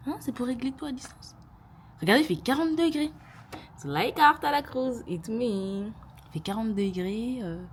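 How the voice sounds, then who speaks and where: A young woman chatting casually to her camera in an excitable vlog, talking to herself as she goes. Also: on the high side, a little hiss or hum. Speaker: vlogger. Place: hotel room, later rooftop pool. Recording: loud music behind.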